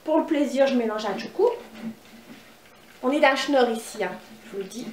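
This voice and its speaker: A woman's voice: fairly high pitch, moderate pace, a little mellow, roomy sound, distant mic, a little hiss or hum. A woman with a northern French accent giving a chatty, upbeat cooking demonstration at home, talking straight to her viewers. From northern France. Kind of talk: casual cooking demo.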